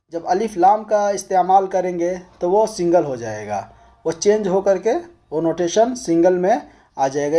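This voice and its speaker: A man's voice: high-pitched, warm tone. A man with a Pakistani Urdu accent, teaching a recorded language lesson. He explains patiently, step by step, and spells out letters one by one.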